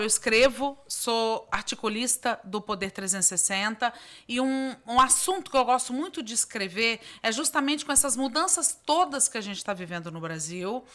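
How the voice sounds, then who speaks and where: Brazilian woman, economist host; affirming interjector, somewhat high, bright tone. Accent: Brazilian Portuguese. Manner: affirming, chimes in often with agreement. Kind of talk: conversational interview.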